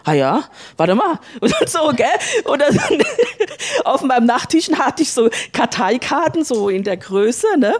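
A woman telling a personal faith testimony in a spontaneous, halting way, with many fillers and restarts. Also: high-pitched, big pitch swings. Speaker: church member giving a testimony.

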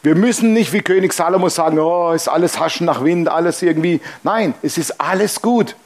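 A man preaching to his congregation as pastor, blunt and colloquial, acting out the voices in the stories he tells. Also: a little fast. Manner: animated storytelling, acting out dialogue with shifting pitch. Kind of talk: sermon.

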